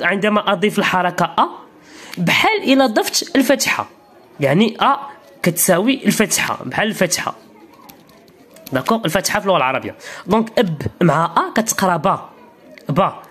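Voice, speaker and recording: A woman with a Moroccan Arabic accent teaches a beginner lesson in a slightly husky voice. Her pitch moves a lot as she explains, and she is patient and repetitive. She keeps checking that the learner is following. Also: fairly bright tone.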